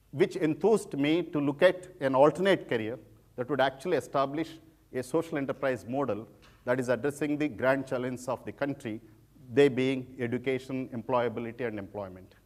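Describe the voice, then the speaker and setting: A middle-aged man from a rural Indian village, a former civil servant turned social entrepreneur, gives an informal public talk as a guest speaker. He has a heavy Telugu Indian accent and repeats words for emphasis, speaking at a normal speed in a medium pitch.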